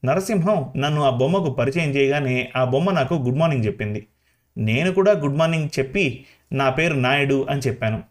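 A man's voice: mid-range voice, brisk, close to an everyday voice. A man voicing a boastful small-town gossip who tells showy tall tales. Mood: proud.

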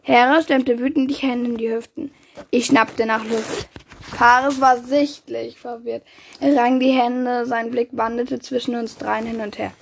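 A woman's voice: fairly high pitch, steady tone, a little slow, creaky, a little hiss or hum. A woman reading a children's book aloud, giving the characters' quoted lines their own voices. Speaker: reader.

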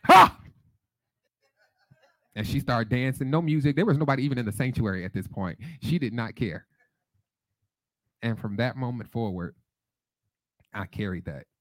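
A man's voice: mid-range voice, moderate pace, long pauses, darkish tone, no echo, low-quality recording. A man with a Detroit accent preaching a sermon, leading call-and-response and telling stories. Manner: sings prayer lines, then teaches with call-and-response and storytelling.

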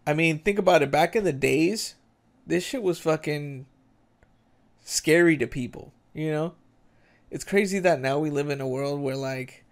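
A man co-hosting a casual podcast, laid-back and swearing freely between dudes and bros. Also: mid-range voice. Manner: laid-back, swears a lot, says dude and bro. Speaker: podcast co-host. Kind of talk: casual chat.

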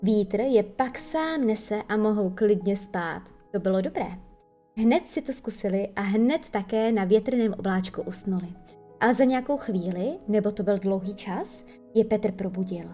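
A woman reading a children's story aloud with expressive storytelling. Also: medium pitch, soft background music. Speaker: narrator.

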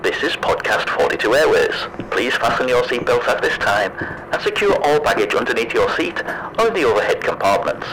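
A man's voice: mid-range voice, background noise, natural voice. Man playing a formal flight attendant on the cabin announcement. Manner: formal, scripted airline announcement delivery.

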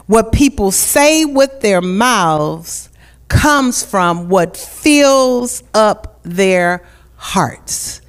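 A woman's voice: mid-range voice, animated, very slow. A woman preaching as a guest speaker in a church at a pulpit microphone, praying and leading call-and-response, repeating key phrases for emphasis. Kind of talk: church sermon with prayer. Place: church sanctuary.

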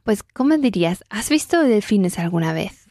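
A woman's voice: medium pitch, sing-song, moderate pace, dark tone, no room sound, studio quality. A woman teaching German in Spanish, patiently repeating phrases and correcting her student. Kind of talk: language lesson in Spanish.

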